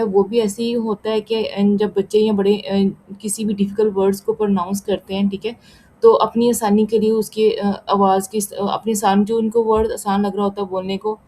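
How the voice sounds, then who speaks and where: Casting: woman tutor, mellow soft tone, unhurried explainer, faint noise behind. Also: mid-range voice, low-quality recording. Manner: slows right down when reading English text aloud, explains again in Hindi-Urdu; frequent fillers and "theek hai" check-ins. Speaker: tutor explaining an assignment solution. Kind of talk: casual lesson mixing Hindi-Urdu and English.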